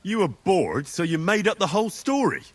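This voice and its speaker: A man's voice: high-pitched, big pitch swings, normal speed. An actor playing a blunt, wry young male hero in a video game, dry and skeptical. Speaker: game protagonist.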